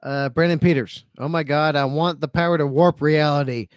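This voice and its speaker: This live-stream host has a fairly high, smooth voice with fairly even intonation, speaking at normal speed in studio-quality audio without room sound. He reads chat comments and rambles, looping back over phrases in a resigned, self-pitying, sweary way.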